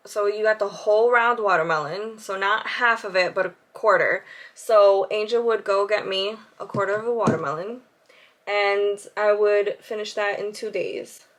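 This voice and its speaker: A woman in her thirties talks to her camera in a relaxed, chatty vlog. Her voice is bright and sharp, and she laughs easily and fills her pauses with ums. She keeps talking while she does her makeup. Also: mid-range voice. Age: 30s. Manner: chatty, laughs often, many fillers. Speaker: vlogger. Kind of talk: casual chat to camera. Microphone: camera with side viewfinder.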